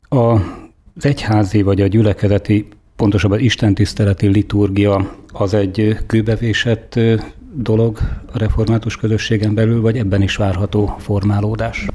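A man's voice: on the low side, level tone, mellow. A man hosting a radio interview, asking questions in a formal, courteous way. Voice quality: gravelly and husky. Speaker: radio host.

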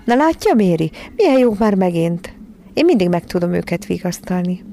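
A woman voicing a gentle, doting mother soothing her babies in a storybook reading. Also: lowish voice, very animated, creaky, a little hiss or hum. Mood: proud. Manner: cooing, gentle.

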